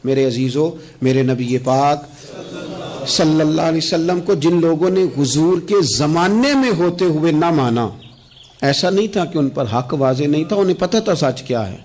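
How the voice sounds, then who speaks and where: Male preacher, high-pitched, impassioned delivery, repeats phrases for emphasis. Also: lively intonation, a little mellow. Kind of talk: sermon.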